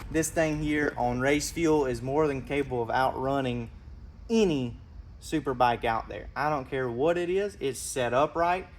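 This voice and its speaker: A motorcycle builder who hosts his own channel gives a casual walkaround of a custom bike, talking fast and animated to his viewers. His voice is medium-pitched, and he hypes each part while referring to himself in the third person by a nickname. A little hiss or hum sits under the recording.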